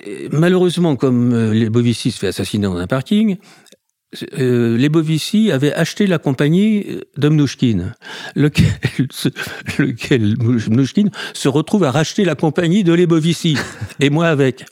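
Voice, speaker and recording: Older man telling stories, mellow and dry. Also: fairly high pitch, moderate pace, no room sound. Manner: lively raconteur, acts out quoted people, frequent hesitations. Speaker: film director guest. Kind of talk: anecdotal storytelling in a podcast interview.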